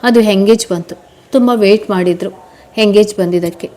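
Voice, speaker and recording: A man's voice: high voice, moderate pace, warm tone, lightly acted. A woman voicing a playful young man teasing his fiancée, with an affectionate tone.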